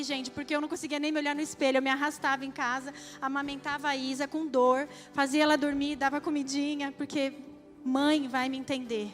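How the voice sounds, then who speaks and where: Young brazilian woman, high voice, emotional church testimony, soft guitar in the back. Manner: emotional, addresses the audience directly. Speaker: church speaker giving testimony. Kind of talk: testimony sermon.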